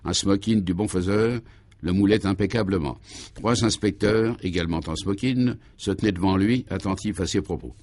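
A man narrating a vintage radio serial in a measured, dryly ironic storytelling manner. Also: low voice, darkish tone, slight background noise.

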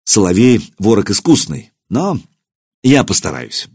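A man's voice: fairly low pitch, sing-song, unhurried, gravelly, husky, dry recording, studio quality, full character voice. A man voicing a hot-headed, proud young warrior who speaks fiercely and makes bold vows. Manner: fiery, vowing loudly.

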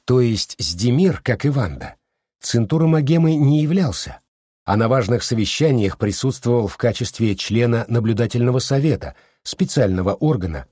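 A man narrating an audiobook, expressive, voicing every character himself. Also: mid-range voice, dry recording, clean studio sound. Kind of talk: scripted narration.

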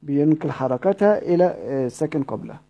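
A man with an Egyptian Arabic accent teaching Quran recitation, explaining a poem line by line, asking the class questions and slowly repeating words. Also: on the high side, animated, creaky, mellow.

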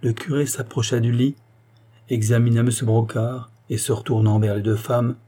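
A male audiobook narrator reads a classic novel in a measured, even way. His voice is dark and mellow, with a husky grain and a mid pitch. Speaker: audiobook reader.

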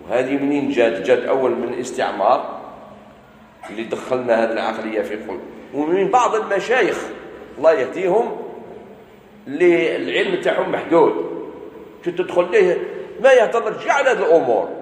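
Algerian male preacher, higher voice, roomy lecture-hall sound with faint background hum. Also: lively intonation, fast talker, long pauses. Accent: Algerian Arabic. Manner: asks the audience questions and answers them himself. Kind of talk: religious lesson.

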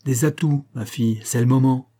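A man's voice: mid-range voice, fairly even intonation, moderate pace, warm tone, lightly acted. A man reading aloud, voicing a worldly theatre director who pushes for haste. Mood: urgent.

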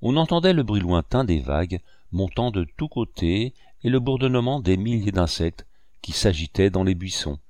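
A man reading a classic novel aloud as an audiobook narrator, in a steady, measured way. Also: low-pitched, no room sound, clean studio sound. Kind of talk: scripted narration.

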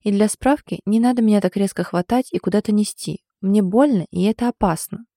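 A woman voicing a tipsy, sulky young woman who answers with huffy sarcasm, a little higher and louder than her narration. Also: fairly quick, dry recording, studio quality, natural voice. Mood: sulky, sarcastic.

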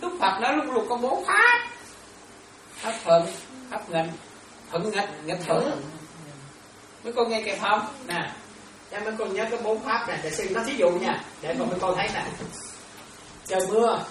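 A Buddhist nun delivers a dharma talk, often stopping to ask her listeners whether they follow. Her woman's voice swings widely in pitch. The sound is distant and roomy, with faint ambience behind it. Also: animated, moderate pace, long pauses, a crowd in the background. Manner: questioning listeners often, repetitive. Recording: echoey room, distant mic.

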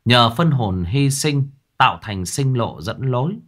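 Husky, lively male storyteller. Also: medium pitch, measured pace. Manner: dramatic, expressive. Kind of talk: scripted narration.

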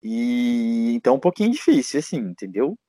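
A man's voice: mid-range voice, very animated, a little fast, dark tone, no room sound. A Brazilian man, a guest in a casual interview, talking in a rambling way with many fillers and restarts. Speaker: guest, teacher living abroad.

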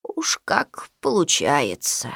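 Woman voicing a gentle shelter worker. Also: low-pitched, wildly swooping pitch, takes it slowly, creaky, dry recording, clean studio sound, voice pushed down, heavily acted. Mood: soothing. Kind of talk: storybook reading.

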